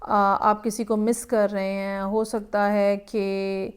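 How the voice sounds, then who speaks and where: A woman's voice: mid-range voice, little pitch movement, slow pace, darkish tone, clear, resonant tone. A woman giving a weekly tarot horoscope reading, musing aloud and slipping English phrases into her talk. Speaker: tarot reader.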